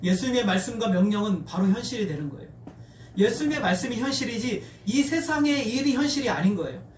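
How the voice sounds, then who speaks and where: A male pastor delivers an earnest sermon in a high voice, calling his congregation to read scripture aloud with him. He sounds set back from the mic in an echoing church sanctuary, with faint noise behind him. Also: animated, fast talker, recorded from a distance. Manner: earnest preaching, leads congregation in reading aloud.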